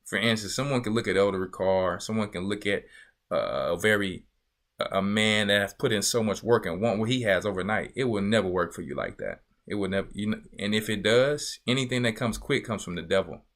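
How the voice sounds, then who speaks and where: Fairly low in pitch yet fairly bright, this man talks fairly quickly while giving a sermon-style Bible lesson as a church elder. He drives his points home by repeating himself and asking listeners "you see".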